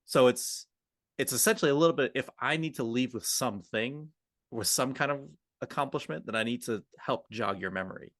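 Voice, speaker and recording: A communication coach co-hosting a podcast speaks in a medium-pitched, slightly bright voice at a fairly quick clip, recorded clean in a studio with no echo. His talk is unscripted and explanatory, and he often illustrates his points by acting out hypothetical quoted dialogue.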